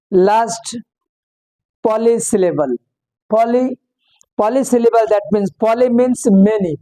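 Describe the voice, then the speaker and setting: A teacher speaks extremely slowly, drawing out every word. The voice is warm and mellow. Words are repeated over and over and split into their parts for learners. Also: medium pitch, low-quality recording. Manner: repeats each word several times and breaks words into parts; switches between English and Bengali explanations. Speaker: English teacher. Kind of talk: recorded online lesson.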